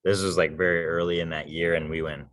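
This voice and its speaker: Very deep-voiced man telling stories. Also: quick pace. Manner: relaxed, chuckles while telling stories. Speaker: podcast co-host. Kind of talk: casual storytelling chat.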